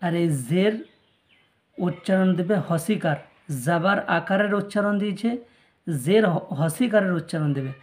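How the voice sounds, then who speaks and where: A man with a Bangladeshi Bengali accent and a high-sitting voice gives a step-by-step Quran reading lesson. He patiently repeats each syllable and slows down to drill the letters.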